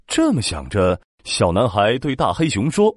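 Very animated male storyteller. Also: on the low side, moderate pace, husky, dry recording, clean studio sound. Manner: animated, expressive. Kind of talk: children's story narration.

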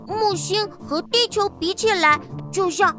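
Squeaky, hesitant little bookish Kabi. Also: female voice, unhurried. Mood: earnest, explaining. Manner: hesitant, stammering, excitable. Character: timid bookish little child space traveller Kabi. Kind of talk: children's audio drama. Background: prominent children's music.

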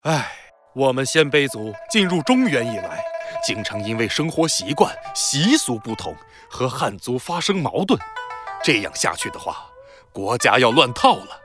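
A man's voice: mid-range voice, big pitch swings, moderate pace, music in the background, lightly acted. A man playing an earnest, decisive reforming emperor, theatrical and proclaiming, in a children's audio drama. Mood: puzzled.

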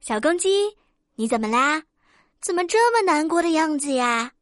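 A woman voicing a patient, loving mother hen in a soft, soothing, motherly way. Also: sits high, sing-song, normal speed, dry recording, clean studio sound. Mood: tender.

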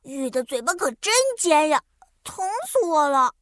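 A woman's voice: high voice, normal speed, no echo, studio quality, natural voice. A woman voicing a small, stubborn, cheeky river clam in a children's story, teasing and gleeful. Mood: relieved.

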